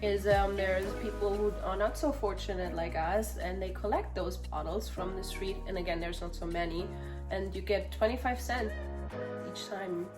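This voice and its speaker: Over background music, a nonprofit founder in her thirties from Germany chats with a German accent as an interview guest, laughing often and sometimes hunting for the right word. Her mid-range voice has fairly even intonation and a moderate pace.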